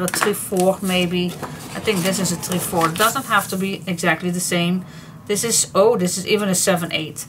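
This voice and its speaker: A woman's voice: medium pitch, noisy background. A Dutch woman teaching a crafting tutorial in a chatty, giggly way, often correcting herself. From Netherlands.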